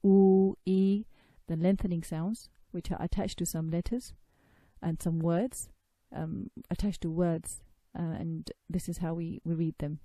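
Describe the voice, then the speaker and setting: A woman's voice: on the low side, fairly even intonation, unhurried, dark tone, dry recording. A woman giving a recorded lesson on pronouncing sacred recitation, patiently explaining and demonstrating sounds by drawing out long vowels. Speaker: tajweed teacher.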